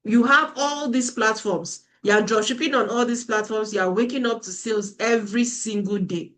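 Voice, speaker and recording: Woman online coach, lively delivery on a video call. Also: on the high side, moderate pace. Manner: animated, laughs often, repeats herself. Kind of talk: live online class.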